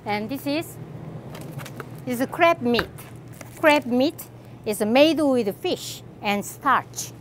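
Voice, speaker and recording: Her voice is high-pitched with lively intonation, slow and full of pauses, over a faint hiss or hum. She's a middle-aged cooking host from Korea, speaking with a Korean accent, who laughs a lot while casually walking a big grocery store and holding up items for viewers.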